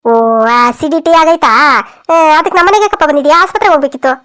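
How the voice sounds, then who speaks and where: A woman's voice: very high voice, expressive, quick pace, fairly bright tone. A woman voicing several quarrelsome village women in a cartoon comedy, scolding and wailing dramatically.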